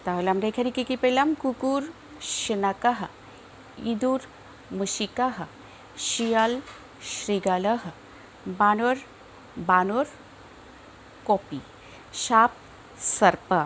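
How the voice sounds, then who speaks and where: A young Bangladeshi woman teaching a lesson, speaking slowly and carefully and repeating each word for her students. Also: fairly high pitch, fairly bright tone, slight background noise. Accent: Bangladeshi Bengali. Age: young adult. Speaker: Sanskrit teacher. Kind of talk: classroom lesson, slow repetition drills.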